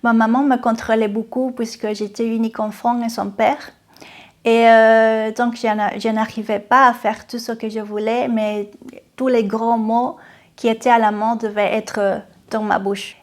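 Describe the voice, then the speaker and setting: A woman from Venezuela, speaking with a Venezuelan Spanish accent, tells her personal story to camera in a voice on the high side. She's earnest and unhurried, frequently hesitating and restarting, with faint music in the background.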